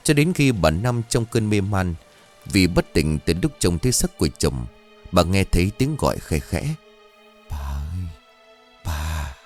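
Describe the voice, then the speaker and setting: Deep-voiced male ghost story narrator. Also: normal speed, faint music behind. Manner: expressive, dramatic reading.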